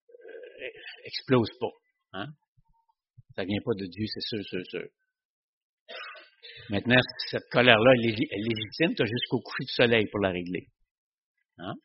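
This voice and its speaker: Husky man, lo-fi sound. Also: on the low side, normal speed, pauses often. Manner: conversational, frequent tag questions. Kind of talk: casual teaching on faith.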